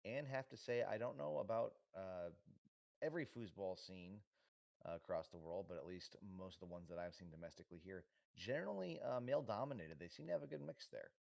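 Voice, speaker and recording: A man's voice: deep voice, animated, a little fast, vocal fry, darkish tone, no echo. A man under forty, a host giving easygoing remote play-by-play commentary, chatty and full of fillers. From United States.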